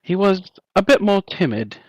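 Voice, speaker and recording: A man's voice: high-pitched, very animated, normal speed, dry recording. A man playing a tabletop game, speaking in character in a playful, boastful way. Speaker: player. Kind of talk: in-character tabletop role-play.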